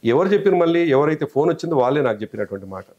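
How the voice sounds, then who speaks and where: A man's voice: on the high side, very animated, rapid-fire, a little mellow, dull audio. A man with a Telangana Telugu accent, an interview guest telling a long story and acting out quoted speech.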